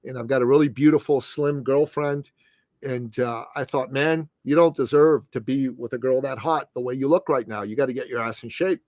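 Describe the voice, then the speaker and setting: A success coach in his late fifties from the Middle East speaks emphatically and punchily in a podcast interview, calling the host "brother" and "man." His medium-pitched, slightly mellow voice moves at normal speed, and the recording is dry.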